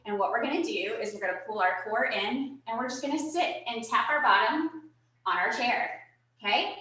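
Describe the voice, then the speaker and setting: A bright-voiced woman coaching a virtual fitness class from a room at home, talking upbeat and chatty and a little out of breath. The room rings with a lot of echo. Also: fairly high pitch, normal speed. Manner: upbeat, chatty, checks in with "okay?". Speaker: fitness instructor. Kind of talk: live virtual fitness talk and demo. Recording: very echoey room.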